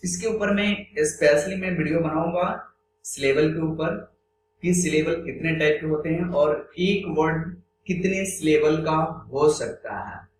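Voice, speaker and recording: A man teaching an English grammar lesson, reading out word lists slowly and explaining them in Hindi with English phrases. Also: on the high side. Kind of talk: classroom-style grammar lesson. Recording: roomy echo with faint hum.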